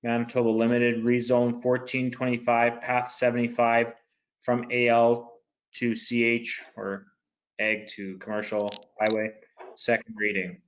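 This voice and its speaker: A man chairing a municipal council meeting in a flat, monotone way, reading items and calling votes. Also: medium pitch, unhurried, dull audio. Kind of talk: formal meeting procedure.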